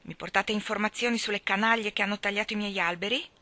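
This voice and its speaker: A woman reading the part of a suspicious, miserly old gentleman who barks at visitors in an audiobook. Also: medium pitch, fairly even intonation, quick pace, no room sound. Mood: testy. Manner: testy and suspicious.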